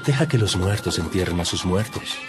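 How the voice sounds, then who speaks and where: With music running beneath him, a man voices an authoritative religious teacher in an audio Bible drama, his tone solemn and instructive. He speaks fairly quickly in a low voice with lively intonation.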